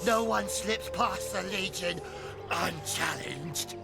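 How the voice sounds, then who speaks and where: An actor voicing a dopey, blustering, suspicious legion guard in a fantasy game, with a cartoonish bellow. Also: male voice, sits high, slow, vocal fry, heavily acted. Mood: stern, suspicious. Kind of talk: fantasy video game voice acting. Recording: loud music under the voice.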